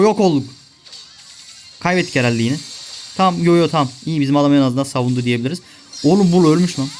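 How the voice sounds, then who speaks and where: A man's voice: fairly high pitch, darkish tone. A young man giving live gameplay commentary, ranting and swearing at his teammates in frustration. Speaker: gaming video creator.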